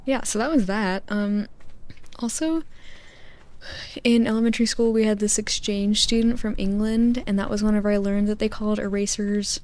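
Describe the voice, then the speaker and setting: Brief: young woman, soft-spoken ASMR host, mellow low-key tone, drifts into whispers. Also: steady tone, moderate pace. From United States. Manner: gentle, rambling, with whispered asides and soft laughs. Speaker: gaming channel host. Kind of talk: soft-spoken ASMR rambling over gameplay. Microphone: close microphone, spoken softly.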